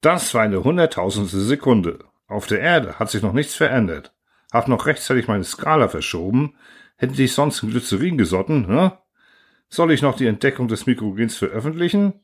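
A sly male scientist tossing off teasing questions, as a male reader puts him on. The delivery is casual and lively, swinging up and down in pitch. This is storybook narration. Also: moderate pace, breathy edge.

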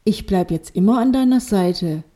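A woman voicing a gentle mother who has been reborn as a glowing fairy snail. She speaks softly and reassuringly. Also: medium pitch, lively intonation, moderate pace, lightly acted. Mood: tender.

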